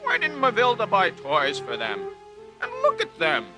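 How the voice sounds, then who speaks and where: A man's voice: sits high, wildly swooping pitch, normal speed, music in the background. Flustered self-serving mayor, a man, worried and stammering.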